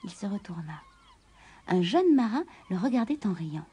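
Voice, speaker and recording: A woman reading a children's story aloud in an expressive way, often dropping to a whisper. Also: mid-range voice, moderate pace, slightly rough.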